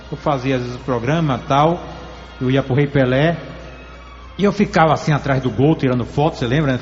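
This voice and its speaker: A man's voice: medium pitch, long reverb tail, highs cut off. A man from Alagoas hosting a sports interview, chatty and storytelling, often laughing. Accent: Alagoas Brazilian. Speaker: radio sports host. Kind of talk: conversational interview.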